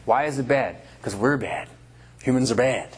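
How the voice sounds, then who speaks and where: A man's voice: medium pitch, animated, moderate pace, breathy edge. A man preaching a sermon in a church, breaking up scripture readings with folksy, conversational asides. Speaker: pastor. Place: church before a congregation.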